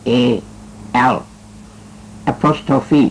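A man's voice: extremely slow, a little hiss or hum, low-quality recording. A man hosting a talk show, telling a story with teasing jokes in a casual, polite manner. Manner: joking, teasing, chatty storyteller; polite, with frequent particles. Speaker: radio talk host. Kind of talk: casual spoken commentary.

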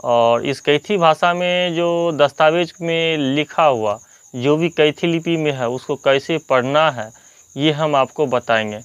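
A man, hosting a slow, patient reading lesson and repeating each point. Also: fairly high pitch, clean tone, dry recording, lo-fi sound. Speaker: teacher and channel host.

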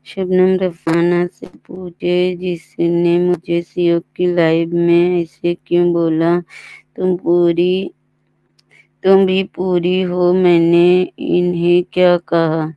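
Slow, calm woman greeting her stream chat. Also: lowish voice, smooth, no room sound, highs cut off. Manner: warmly greets viewers one by one, reads chat aloud. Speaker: live stream host greeting chat viewers. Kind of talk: casual live stream chat.

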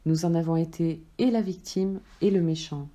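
A woman voicing a gentle, loving soul that speaks softly and patiently. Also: on the low side, steady tone, moderate pace, lightly acted. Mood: tender. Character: gentle, loving friendly soul, calm and tender.

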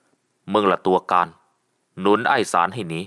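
A gruff, growling young husband, as a male narrator puts him on in a spoken storybook. He swears and barks out his words in a lowish voice. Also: moderate pace, bright, forceful tone. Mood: angry. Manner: cursing, growling. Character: angry gruff young man, jealous husband.

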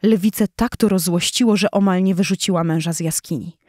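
Woman reading a kids story, steady and clear, dry studio sound. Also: on the low side, fairly quick, no echo. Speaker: audiobook narrator. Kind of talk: children's audiobook reading.

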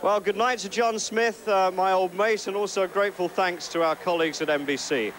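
A man hosting the studio coverage and signing off in a measured, formal presenter's manner. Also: sits high, fairly bright tone. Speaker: studio host. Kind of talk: broadcast sign-off.

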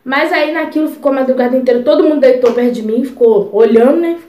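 Young woman, high voice, quick chatty storytelling, echoey room. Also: lo-fi sound. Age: young adult. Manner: chatty and expressive, full of asides. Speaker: vlogger. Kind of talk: casual storytelling.

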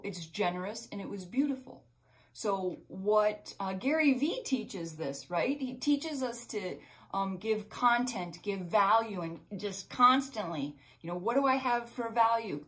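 A middle-aged woman giving a casual spiritual pep talk as a numerology reader, rambling and heartfelt, full of fillers and restarts, often dropping to a soft murmur. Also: medium pitch, lively intonation, unhurried, poor audio. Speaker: numerology and intuitive guidance reader.

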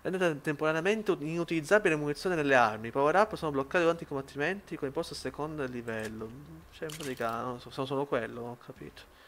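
A man giving lively commentary while playing a shooter game, shouting at enemies and muttering between fights. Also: a little high, fast talker, slight background noise. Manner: excitable, yells at enemies, then mutters to himself. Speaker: gaming YouTuber.

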